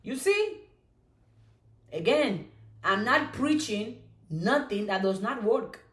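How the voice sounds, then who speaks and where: On a motivational live stream, a woman speaking slowly in a slightly high voice repeats chanted affirmations, erupts into excited cheering now and then, and invites her audience to join and ask questions, all in a roomy-sounding recording.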